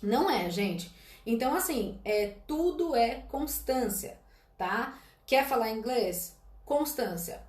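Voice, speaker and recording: A woman's voice: on the high side, expressive, slow pace, darkish tone, reverberant. A woman in her late twenties, an English teacher and former flight attendant from Brazil, giving blunt career advice in a live-stream Q&A and constantly checking in with her audience. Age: late 20s. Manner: direct, emphatic, frequently checks in with "tá?" and "gente".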